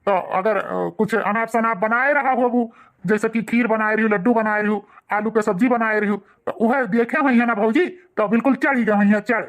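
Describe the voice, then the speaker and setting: A woman's voice: a little high, steady tone, moderate pace, lightly acted. A woman voicing a young village husband in an Awadhi cartoon, placating and lecturing his wife in rustic dialect. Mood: explaining. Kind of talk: cartoon dialect comedy acting.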